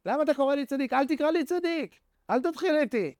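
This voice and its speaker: A man's voice: extremely high pitch, lively intonation, a little mellow, no room sound, clean studio sound, voice pushed up. A man voicing a burly, touchy man with a Russian accent who speaks brusquely and defensively. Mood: prickly.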